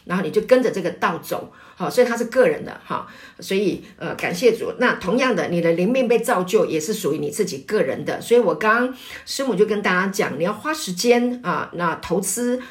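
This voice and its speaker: A woman pastor's wife teaching a church group and leading prayer, explaining patiently with many fillers and building to loud, fervent calls of praise. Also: mid-range voice, lively intonation, a little fast. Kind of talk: sermon teaching. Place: church meeting, also online.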